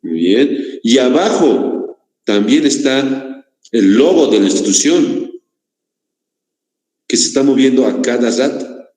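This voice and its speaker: This Bolivian-accented male teacher speaks slowly and expressively in a mid-range, dark-toned voice. He lectures his class and keeps throwing rhetorical questions at the students, while the echoey room adds a long reverb.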